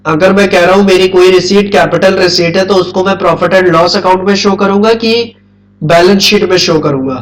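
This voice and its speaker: A high-voiced man lectures an accounts class, firing questions at his students and repeating the key points. He is recorded from far off in an echoey classroom. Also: fairly even intonation, fairly quick. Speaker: accounts teacher.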